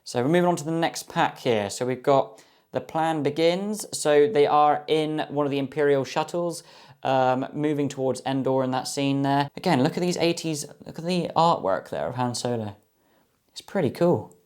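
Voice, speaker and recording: A man's voice: a little high, moderate pace, a little mellow. A young man chatting casually as he opens a box of trading cards, enthusiastic and full of ums and guesses. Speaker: card box opener. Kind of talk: casual box-opening commentary.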